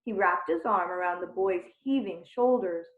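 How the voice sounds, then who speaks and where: A woman reading a children's chapter book aloud with unhurried, expressive storytelling. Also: on the low side. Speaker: reader. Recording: tinny phone-like sound in a roomy space.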